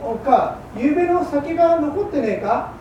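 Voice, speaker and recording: A gruff, hard-drinking fishmonger with a rough old Edo Tokyo working-class accent, as a woman puts him on in a storyteller's act. His lines come clipped and blunt. The voice sits far off in a very roomy, echoing hall with a faint hum behind it. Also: sits high, expressive, normal speed, dark tone, dull audio, pitched above the performer's own voice. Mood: easygoing. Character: hard-drinking male fishmonger, rough, boastful, then repentant.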